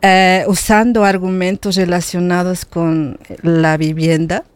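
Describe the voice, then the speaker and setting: Low-voiced woman, dry close sound. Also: little pitch movement, slow, smooth, no echo. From Bolivia. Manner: earnest, with frequent hesitant repetitions. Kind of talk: casual conversation.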